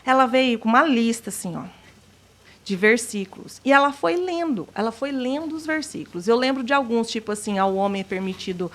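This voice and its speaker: A woman's voice: a little high, lively intonation, brisk, a bit bright. A woman telling her personal testimony as an interview guest, acting out the dialogue she recalls. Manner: retells scenes by acting out quoted dialogue.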